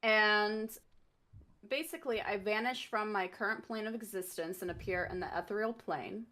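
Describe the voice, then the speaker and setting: A woman's voice: medium pitch, normal speed, bright, forceful tone. A woman playing in a tabletop game, earnestly asking the game master about her spells and staying in character. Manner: earnest, questioning. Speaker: player. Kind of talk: tabletop role-play, asking rule questions.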